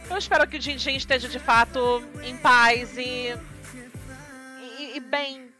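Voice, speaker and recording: A woman with a bright, high-leaning voice reacts emotionally to a music video and keeps speaking straight to her viewers. She sounds tearful and gushing. Faint music plays behind her. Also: steady tone, a little slow. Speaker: kpop reaction vlogger. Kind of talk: casual reaction commentary.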